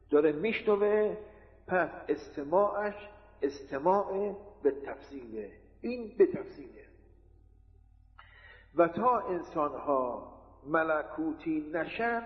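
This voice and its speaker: A man giving a religious lecture, explaining with rhetorical questions and everyday examples. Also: fairly high pitch. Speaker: preacher. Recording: tinny lo-fi recording in an echoey hall.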